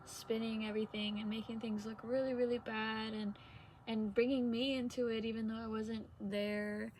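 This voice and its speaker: A young adult woman talks casually and confessionally, as if to her vlog audience. Her voice sits fairly high and stays very even in pitch. She speaks in hesitant fragments with pauses, over some background noise. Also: rough recording. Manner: hesitant, trailing sentences with long pauses. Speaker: vlogger. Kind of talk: casual confessional chat, unscripted.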